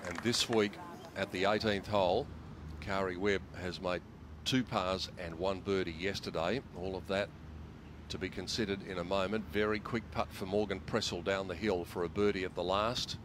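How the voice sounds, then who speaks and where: A man commentating live on golf for television, with measured, dramatic storytelling phrasing. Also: low-pitched, fairly even intonation. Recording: music and crowd noise behind. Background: music and outdoor tournament crowd.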